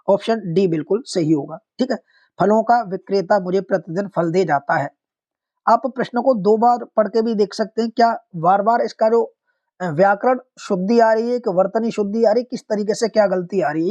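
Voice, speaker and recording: A methodical exam-prep teacher explains each practice question step by step and says every corrected word again, speaking straight to the students. The voice is warm and mellow. The recording sounds dull and lo-fi. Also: mid-range voice.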